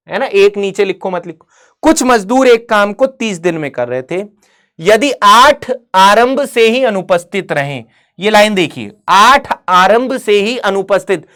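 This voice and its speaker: A woman with a voice of ordinary middle pitch gives an online exam-prep maths lesson. She speaks to her students as "beta" and "mere bhai", asking questions and answering them herself. She reads the English wording of each problem slowly, then explains it again. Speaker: maths teacher.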